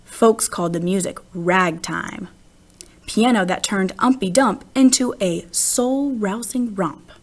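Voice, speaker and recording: Reading a children's picture book aloud, this expressive female narrator uses a mid-range voice, careful phrasing, and emphasized words.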